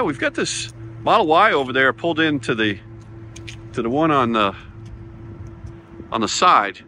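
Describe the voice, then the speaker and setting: A man hosting a road trip vlog, talking casually and thinking aloud as he drives. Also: medium pitch. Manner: relaxed, chatty, thinks aloud. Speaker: vlog host. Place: inside a car on the road. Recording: road noise in a moving car.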